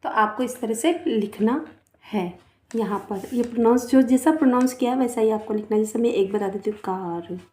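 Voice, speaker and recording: In an echoey room, a woman teacher with a fairly high, darkish voice gives a patient phonics lesson at a moderate pace. It's an English phonics lesson taught in Hindi: she spells words letter by letter, calls the child "beta," and asks them to repeat after her.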